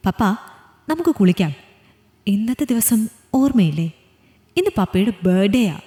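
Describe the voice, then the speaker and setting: A woman voicing a young adult daughter in a storybook reading, soft and pleading. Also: mid-range voice, sing-song, moderate pace, big-room sound, lightly acted. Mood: tender. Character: young adult daughter, tender then shattered.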